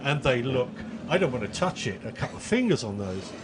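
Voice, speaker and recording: A man's voice: medium pitch, very animated, a little fast, noisy background. A man doing live race commentary in a chatty, jokey way, describing boats he watches out the window.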